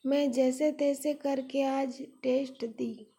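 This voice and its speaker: Contrite young daughter, read by a woman: earnest, mellow and unhurried. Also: sits high, fairly even intonation. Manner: earnest, apologetic. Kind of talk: storytelling.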